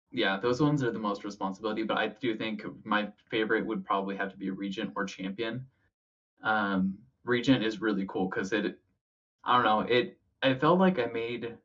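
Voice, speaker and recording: A man talks casually in an interview, wandering through his thoughts in an informal, hesitant way. His voice is husky and on the low side. It sounds muffled, picked up at some distance from the microphone. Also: fairly bright tone. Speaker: interview guest, hobby club officer.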